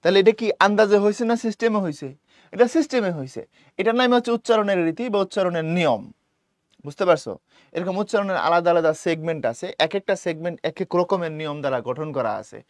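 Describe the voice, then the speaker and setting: A young male teacher gives an exam-prep lesson in a high, clear voice. He talks in a casual, colloquial way, going over points again and checking whether students follow. The sound is dry and close, with no room echo. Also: fast talker. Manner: colloquial, repeats key points and checks understanding.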